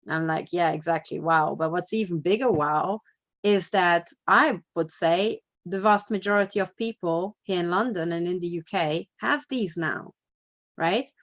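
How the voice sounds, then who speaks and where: Woman with a lowish voice, blunt and chatty, swearing a lot, lots of "you know" and "right?", just talking to camera. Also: normal speed, fairly bright tone. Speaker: activist giving a video report. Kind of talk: casual spoken monologue.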